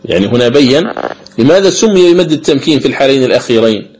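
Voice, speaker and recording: A man teaching the rules of Quran recitation in a recorded lecture, explaining patiently, repeating key phrases and drawing out the recited examples slowly. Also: mid-range voice, lively intonation, darkish tone, husky, soft background music, rough recording. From Algeria.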